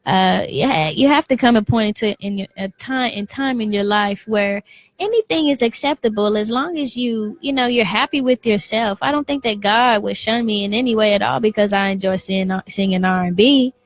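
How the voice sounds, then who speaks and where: A woman, a singer, talking casually in an interview, soft-spoken and slangy, with hesitant restarts. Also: mid-range voice, normal speed.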